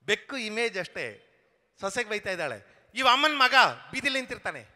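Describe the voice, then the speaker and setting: High, bright-voiced man telling comic stories. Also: big pitch swings, moderate pace. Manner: acts out quarrels in many voices. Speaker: comedian. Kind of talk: stand-up storytelling. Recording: long hall reverb.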